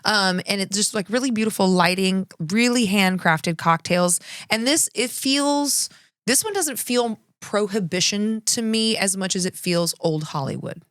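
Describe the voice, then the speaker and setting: A podcast co-host chats enthusiastically about food and travel in a medium-pitched voice, unhurried. She often trails off and restarts her sentences. The audio is clean studio sound with no room ambience.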